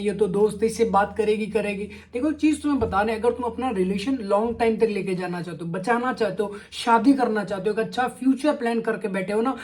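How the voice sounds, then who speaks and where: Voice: medium pitch, darkish tone. A relationship advice vlogger talking straight to viewers in a blunt, casual way, with crude slang and a habit of asking "ठीक है?" after each point.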